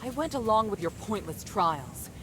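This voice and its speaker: Woman acting a defiant young noblewoman, rumbling noise. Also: animated, moderate pace, lightly acted. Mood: indignant. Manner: earnest, urgent, formal. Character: noble young mistress, defiant, earnest, righteous. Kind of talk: dramatic video game acting.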